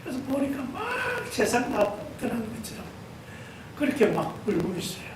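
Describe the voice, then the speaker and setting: A man's voice: extremely high pitch, wildly swooping pitch, normal speed. A middle-aged male pastor giving a Sunday sermon, telling stories and addressing the congregation directly. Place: church sanctuary. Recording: echoey church hall, voice from far off, room noise.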